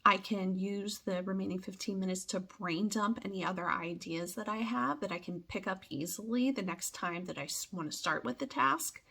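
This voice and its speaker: A woman vlogger with a slightly husky voice, giving upbeat, tidy, step-by-step advice straight to her viewers. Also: mid-range voice, a bit bright. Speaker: productivity tips vlogger. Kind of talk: advice vlog, explanatory talk to viewers.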